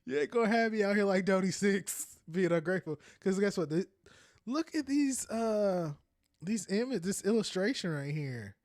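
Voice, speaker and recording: A man in his thirties hosts a podcast, his voice sitting high and a little mellow as he chats casually and animatedly at normal speed. He browses and reads aloud, laughing often. The recording is dry and studio quality.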